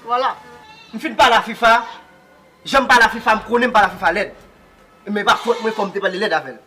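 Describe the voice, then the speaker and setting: A man's voice: sits high, fairly quick, over music, close to an everyday voice. An actor with a Haitian Creole accent playing a brash orphaned man who talks rudely and never apologizes. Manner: blunt, unapologetic. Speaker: character in a web drama series. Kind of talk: dramatic acting.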